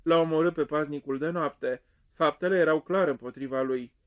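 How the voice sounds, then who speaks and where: A man voicing a gruff, sullen former policeman in an audiobook. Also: fairly high pitch, lightly acted. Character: blunt male ex-policeman, surly.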